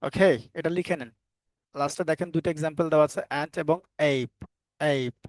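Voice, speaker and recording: Man, online English teacher, slightly high voice, dry close sound, keeps quizzing students, firm. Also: fairly quick, no room sound. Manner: repeats questions to students, firm and scolding at times. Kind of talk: live online class lecture.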